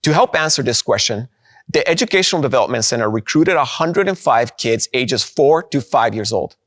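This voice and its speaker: A man from Guatemala, giving an upbeat conference keynote and slowing down to stress key points. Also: mid-range voice, lively intonation, a bit bright, dry recording, studio quality. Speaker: presenter of a product.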